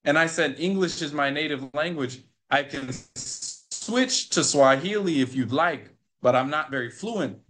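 An American man, a guest in an interview, tells a personal story in conversation, acting out the quoted exchanges and repeating phrases for emphasis. His voice is a little high and fairly bright, and he speaks a little slowly with few pauses.

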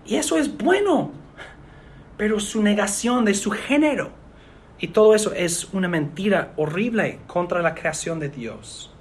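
A man, a pastor, preaching an earnest sermon in a measured way with pauses. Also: sits high, lively intonation, slight background noise.

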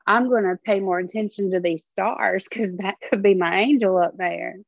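A woman's voice: mid-range voice, moderate pace, gravelly, no echo, dull audio. A woman co-hosting a casual faith chat, affirming and encouraging her partner. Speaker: co-host of a faith show.

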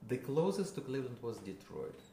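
A man with a Russian accent, a guest musician, talking casually in a halting way, searching for words with many fillers. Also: medium pitch, very animated, dark tone. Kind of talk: casual interview. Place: a friend's house. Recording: roomy with background noise.

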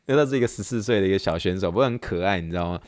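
A man's voice: low-pitched, racing, dry recording, clean studio sound. A man, hosting a casual storytelling podcast in a chatty, laughing way. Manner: chatty, laughing, self-correcting. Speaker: podcast host, physical therapy intern.

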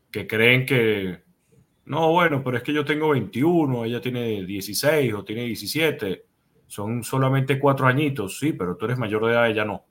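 Reflective man explaining over a video call. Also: medium pitch. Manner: reflective, explains with worked examples. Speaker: co-host. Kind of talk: casual chat.

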